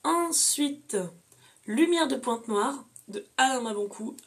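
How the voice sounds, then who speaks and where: A woman's voice: high-pitched, expressive, slow pace. A young woman chatting casually to camera as a book vlogger, listing the books she has read with frequent fillers. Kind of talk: casual reading-challenge vlog.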